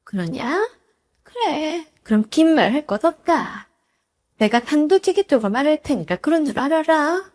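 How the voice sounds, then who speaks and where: A woman's voice: high-pitched, sing-song, normal speed. A woman doing a nagging old mother-in-law. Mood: demanding. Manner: nagging, shouting, jabbing reproaches. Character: scolding older mother-in-law, bossy and quick to anger.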